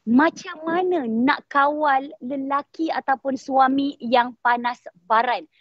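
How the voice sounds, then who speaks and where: A woman's voice: high-pitched, takes it slowly, no echo, dull audio. A woman hosting an interview, introducing questions politely and formally. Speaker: talk show host.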